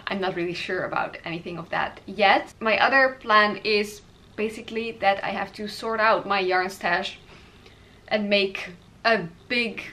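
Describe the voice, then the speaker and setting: A woman's voice: medium pitch, a bit bright. A woman, hosting a knitting podcast and rambling casually from her apartment with hesitant fillers.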